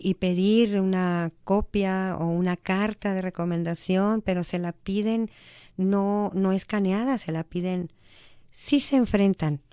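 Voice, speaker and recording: A Mexican woman talks earnestly as a radio guest, her voice smooth and mellow. She sounds conversational and sometimes slips into quoted voices. The studio sound is dry and close. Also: mid-range voice, no echo. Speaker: human rights advocate guest. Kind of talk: radio talk show discussion. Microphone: studio microphone.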